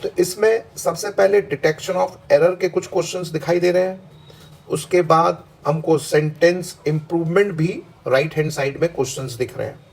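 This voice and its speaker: Guy teaching english test prep, gravelly voice, talks slow and pauses a lot. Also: on the high side, a little mellow, rough recording. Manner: slow deliberate explaining with pauses. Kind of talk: exam practice lesson.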